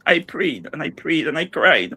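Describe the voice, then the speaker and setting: Middle-aged woman guest, bright, forceful tone, prayerful and insistent delivery. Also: deep voice, big pitch swings, normal speed, slightly rough. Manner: emphatic, repetitive, prayerful. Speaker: guest mother. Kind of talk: emotional interview testimony.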